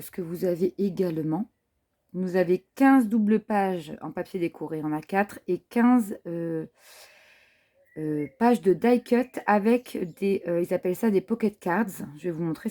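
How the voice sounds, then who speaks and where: In this casual show-and-tell, a French craft haul vlogger chats to viewers about craft papers, using many fillers and admiring asides. She has a mellow, medium-pitched voice.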